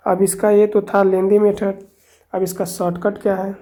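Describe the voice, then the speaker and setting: A woman's voice: medium pitch, flat delivery, moderate pace, mellow. A woman teaching a math lesson, explaining step by step and counting aloud with frequent checks. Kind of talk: explaining on a board.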